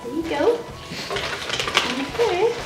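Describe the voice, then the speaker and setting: Her voice is extremely high, expressive and slow, with vocal fry, as this young woman with a head cold casually unboxes a dog gift box and chats to her dogs from a couch in a small bedroom. A distant camera mic captures her off-mic in a roomy space, with heavy background noise and background music.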